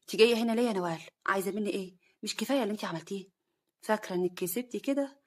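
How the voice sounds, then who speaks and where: A woman voicing a scheming, spiteful young wife who sneers and shouts, in a husky, breathy voice. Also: mid-range voice, steady tone, rapid-fire, lightly acted. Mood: sneering.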